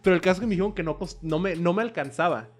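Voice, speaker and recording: A man's voice: high voice, very fast, soft background music. A man with a Mexican accent joking on a podcast, full of crude slang and self-mockery. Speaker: podcast co-host. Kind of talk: casual podcast chat.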